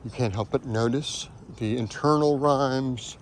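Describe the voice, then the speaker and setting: A man's voice: mid-range voice, a little slow, slight background noise. A man with a mid-range voice rambles wryly about poems, chuckling now and then. He is a little out of breath, as he talks while walking outdoors. Faint outdoor ambience sits behind him. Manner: wry, chuckling, conversational. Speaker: podcast host. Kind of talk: rambling casual monologue about poetry.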